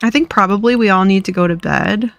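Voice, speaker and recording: Her medium-pitched, slightly bright voice moves briskly as this woman streamer plays a game and chats casually and playfully with her audience, laughing frequently. Faint music sits under a dry close-mic recording with no room sound.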